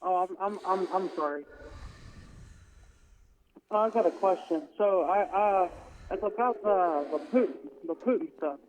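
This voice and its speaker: High-voiced man on a hollow, muffled phone line. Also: a little slow, long pauses. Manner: hesitant, stammering, deadpan. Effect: muffled hollow phone line, like a headset. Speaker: prank caller. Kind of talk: call-in to a live show. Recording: noisy phone call.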